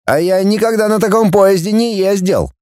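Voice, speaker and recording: An excitable young man bursts out in boyish wonder, his voice lifted well above a grown man's usual pitch, as a male narrator puts him on. The audiobook reading is dry and close, with no room around it. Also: a little fast, breathy edge, no echo, exaggerated voice. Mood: excited. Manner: boyish, enthusiastic exclamations.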